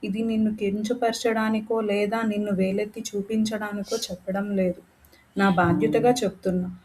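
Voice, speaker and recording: Storybook heroine: earnest, caring young woman, mellow tone, played by the reader. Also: mid-range voice, level tone, moderate pace, a little hiss or hum, natural voice, low-quality recording.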